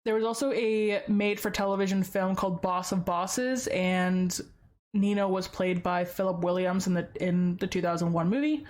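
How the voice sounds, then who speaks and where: A woman's voice: mid-range voice, a little mellow. A woman hosting a casual true-crime podcast, chatty and filling her sentences with "like". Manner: chatty, heavy use of "like" fillers. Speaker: podcast host.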